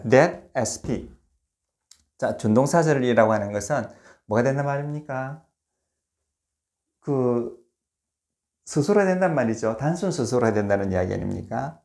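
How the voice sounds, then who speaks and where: A man giving a recorded grammar lecture, explaining step by step, posing rhetorical questions, and slowing down to spell out examples. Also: medium pitch, darkish tone. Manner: slows to spell out words and examples.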